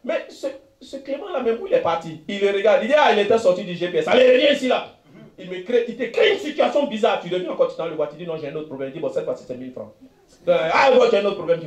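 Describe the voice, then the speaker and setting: Animated preacher with an echoey high voice. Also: male voice, fast talker. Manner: animated storytelling, frequent "frères et sœurs" addresses, laughs and shouts. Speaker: pastor. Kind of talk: sermon with personal testimony. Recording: echoey room.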